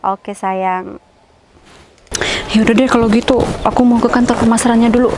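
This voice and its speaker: A woman acts out a talkative young house-hunter in a homemade skit, muttering to herself and pressing her partner on the phone in a fairly high voice. A faint hiss of background noise stays underneath. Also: fairly even intonation, normal speed, close to an everyday voice. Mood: chatty. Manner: chatty, talks to herself and on the phone. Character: chatty young woman hunting for a house, bossy. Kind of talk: amateur skit acting.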